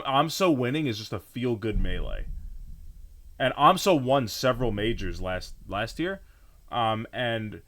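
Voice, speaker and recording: A man's voice: medium pitch, fairly bright tone. A man streaming and reacting to a tournament replay, joking crudely and rambling. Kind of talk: casual profane co-stream commentary.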